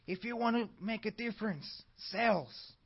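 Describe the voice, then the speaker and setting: A Mexican man with a Mexican Spanish accent teaches a church class, quizzing his listeners in an upbeat manner. His voice is high-pitched and a little breathy, delivered at a moderate pace. The recording is dull and lo-fi.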